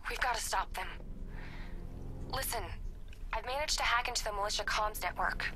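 A woman's voice: on the high side, moderate pace, background noise, close to an everyday voice. A woman playing a determined hacker ally in a video game, briefing over comms with urgency and wryness. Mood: urgent.

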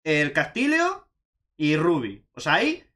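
A young man with a Spanish accent from Spain, chatting excitedly as he reacts to a video game trailer. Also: on the high side, takes it slowly. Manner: excitable, chatty, says "tío" often. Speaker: gaming youtuber reacting to a trailer.

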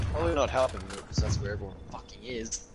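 A man's voice: medium pitch, heavy background noise. A young man playing along, with dry, short replies and plenty of swearing. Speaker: co-player. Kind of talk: casual gameplay chat.

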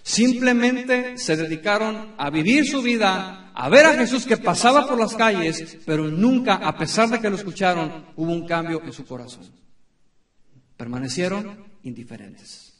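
A man in his thirties preaching a sermon in a church, emphatic, with dramatic pauses and repeated phrases. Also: sits high, expressive, fairly bright tone. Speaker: pastor. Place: church sanctuary. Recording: echoey room from a distance.

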